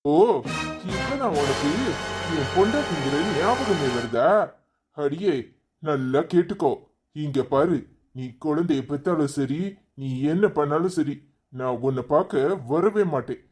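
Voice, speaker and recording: A man's voice: on the high side, lively intonation, measured pace, a little mellow, slightly rough, soft background music. A man voicing an angry, stubborn young husband who teaches at a college, scolding and dismissing his wife in a cartoon story.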